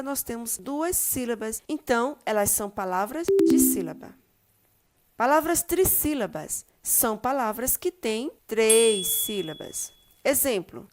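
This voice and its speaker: A Brazilian woman teacher giving a recorded lesson, slowly counting out syllables one by one. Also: a little high. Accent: Brazilian Portuguese.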